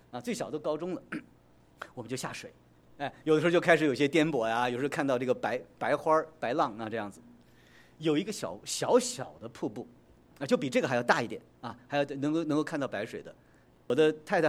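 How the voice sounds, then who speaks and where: A middle-aged male pastor telling a lively personal story in a sermon, dropping in English words and chuckling as he goes. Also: mid-range voice.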